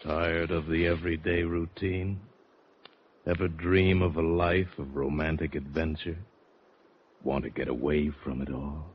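A man's voice: extremely low pitch, level tone, unhurried, lo-fi sound, a little hiss or hum. A man announcing dramatically in the style of 1940s radio drama, on an old recording. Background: loud music.

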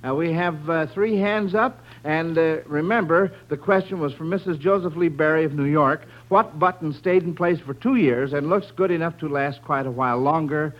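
Heard through muffled vintage radio audio, an American quiz show host from the 1940s chats folksily with kids and listeners, treating them as friends. He speaks at a normal speed with few pauses, in a voice a little on the high side.

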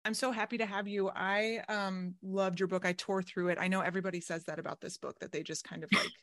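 A woman's voice: mid-range voice, little pitch movement, quick pace, a bit bright, no room sound. An enthusiastic woman hosts a book conversation, gushing about the novel. Her voice sits mid-range and sounds dry and close, with no room around it. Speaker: podcast host. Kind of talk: friendly interview chat.

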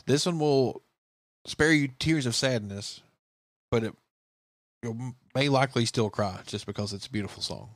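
A man's voice: mid-range voice, normal speed, pauses often, no room sound. A man co-hosting a podcast, easygoing and agreeable, introducing songs with a joke here and there. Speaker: podcast co-host. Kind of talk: casual music chat.

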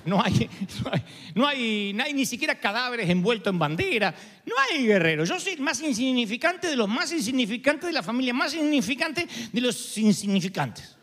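A man preaching a sermon in an animated storytelling manner, acting out the people he quotes. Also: very high-pitched, moderate pace, long reverb tail.

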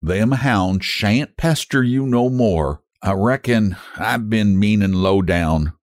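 A man voicing a gruff, sulky mountaineer husband who speaks in a martyred drawl in a storybook reading. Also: lowish voice, animated, slow, darkish tone, dry recording, studio quality.

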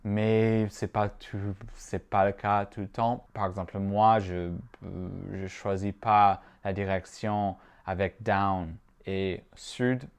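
Slow-spoken Midwestern American man teaching. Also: lowish voice, flat delivery, smooth. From Midwestern United States. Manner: slow, deliberate, repeats phrases word by word. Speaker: language teacher. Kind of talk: English lesson for French speakers.

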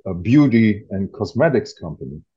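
A man talks with eager enthusiasm as the guest author. His voice is mellow and a bit husky. The audio is dull and lo-fi. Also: fairly low pitch, big pitch swings, normal speed. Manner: explanatory, enthusiastic. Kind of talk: casual interview talk.

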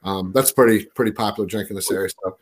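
A man's voice: lowish voice, quick pace. A man in his forties chatting casually on a podcast, telling rambling stories full of fillers. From Maryland, USA. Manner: rambling, filler-heavy storytelling. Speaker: podcast co-host. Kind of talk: casual chat.

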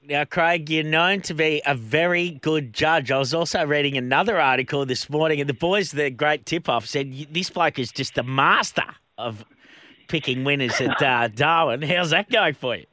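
A man's voice: fairly high pitch, normal speed, pushed and bright, no room sound. A man hosting a radio interview, asking questions in a friendly, conversational way. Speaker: radio host. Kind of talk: casual interview.

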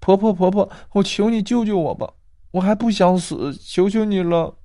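A man voicing a frightened village schoolgirl, pitching his voice up and pleading in a high whine. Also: expressive, normal speed, dark tone, natural voice. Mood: crying, frightened.

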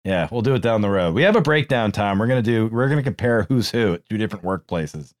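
A man co-hosting a podcast in casual chat, telling profane, animated stories and mimicking people. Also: fairly low pitch, quick pace. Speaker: podcast co-host.

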